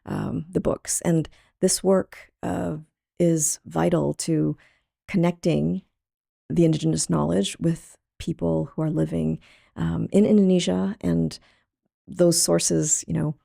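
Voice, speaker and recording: A middle-aged woman from Thailand speaks as a guest in an interview, her low voice thick with gravelly fry. She talks in a reflective, halting way, circling back to find the right word. The sound is dark and dry. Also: fairly even intonation, no echo. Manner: thoughtful, halting, laughs easily. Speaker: artist guest.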